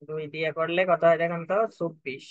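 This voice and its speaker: A man's voice: fairly high pitch, level tone, quick pace, no echo, highs cut off. A young man tutoring a math lesson step by step, patient and repetitive, often checking that his students understand.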